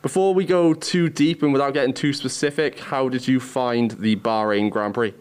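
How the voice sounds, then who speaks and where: A man's voice: medium pitch, fairly even intonation, moderate pace, clean tone. A Welsh man hosting a podcast, steering the discussion with questions. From Wales. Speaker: podcast host.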